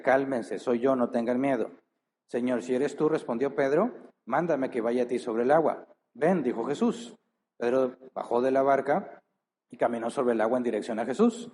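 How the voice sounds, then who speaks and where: A man of medium pitch and darkish tone preaches, first reading scripture and then challenging listeners with rhetorical questions while leaning into key words. The manner is earnest with drawn-out emphasis, and a little hiss or hum sits in the recording.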